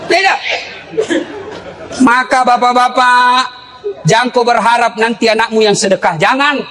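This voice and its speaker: A man preaching a humorous sermon, teasing his listeners and breaking into shouts. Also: very high voice, steady tone, moderate pace, some chatter behind. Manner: jokey, teasing, bursts into shouting.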